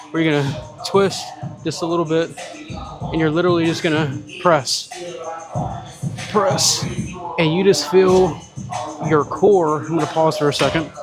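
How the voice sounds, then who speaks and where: A man vlogging his gym workout, explaining each exercise in a relaxed way and out of breath between sets. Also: on the high side. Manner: relaxed, explaining exercises while doing them. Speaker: fitness vlogger. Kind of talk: casual workout vlog.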